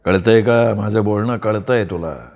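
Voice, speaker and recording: A man voicing a brooding middle-aged village landlord who speaks in steady, measured tones. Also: fairly low pitch, pitched below the performer's own voice. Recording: long reverb.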